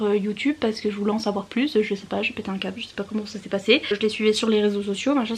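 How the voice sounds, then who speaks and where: A young woman chatting casually to camera as a YouTuber, giggly and self-mocking as she rambles from one aside to the next. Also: a little high. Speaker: YouTuber talking about reading.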